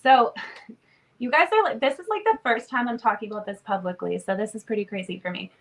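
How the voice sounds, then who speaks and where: A woman in her twenties, born in Romania and raised in Canada, is a podcast interview guest chatting casually, sniffly from a cold and using lots of "like" fillers. Her voice is a little high and fast.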